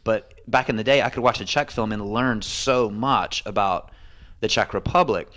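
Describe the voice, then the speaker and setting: A man's voice: lowish voice, normal speed, fairly bright tone. A man co-hosting a podcast, asking probing questions and reflecting in casual chat. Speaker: podcast co-host.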